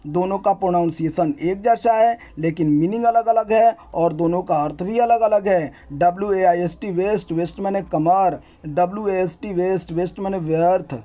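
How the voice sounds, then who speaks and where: A young man teaching an English grammar lesson, spelling out words letter by letter and explaining them in a brisk, repetitive teacherly way. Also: high-pitched, mellow.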